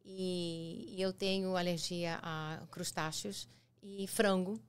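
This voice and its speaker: A woman's voice: lowish voice, steady tone, slow, clean tone. A woman from Brazil hosting a podcast, chatty and storytelling, slipping in English phrases. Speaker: podcast host. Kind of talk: podcast conversation.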